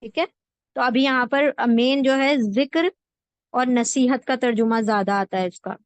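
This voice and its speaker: Slow, patient woman teacher, dry close sound. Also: on the high side, steady tone, no room sound. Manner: slow, repeats words and meanings for drilling. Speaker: Quran word-by-word translation teacher. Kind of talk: patient classroom explanation with repetition.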